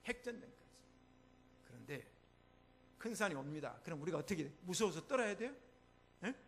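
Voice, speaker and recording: A man's voice: a little high, very animated, brisk, slight background noise. A man with a Jeolla accent, a church pastor preaching a sermon in an emphatic, exclaiming way. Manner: emphatic, exclaiming, mimics voices in quotes. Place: church sanctuary.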